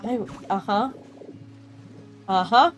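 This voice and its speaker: A young gaming streamer, a native English speaker with a voice on the high side, chats casually and slowly with her live chat while she plays. She rambles and laughs often as she answers them, with soft music in the background.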